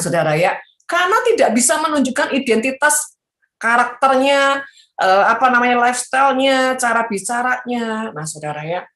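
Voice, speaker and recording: Animated woman preaching in an echoey room. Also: fairly high pitch. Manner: animated, mocking quoted voices, frequent asides. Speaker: evangelist preacher. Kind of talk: sermon.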